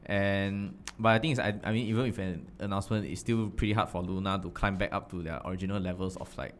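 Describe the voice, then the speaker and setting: A man with a Singaporean accent explaining things casually and a little haltingly, ending phrases with "lah". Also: sits low, a little hiss or hum. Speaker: panelist.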